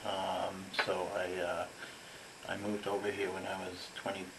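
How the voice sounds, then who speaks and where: A London man with a London English accent gives a casual personal account as an interview guest. His voice is low and monotone at a measured pace, and the recording has noticeable background noise.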